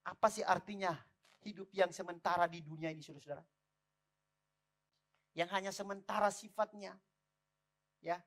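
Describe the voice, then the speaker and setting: A man preaching a lively sermon in church, calling out to the congregation. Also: sits high, moderate pace, long pauses. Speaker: pastor.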